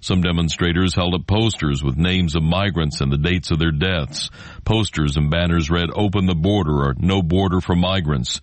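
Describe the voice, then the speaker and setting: A man's voice: deep voice, normal speed, no room sound. A man with an American accent reading scripted world news as a radio anchor.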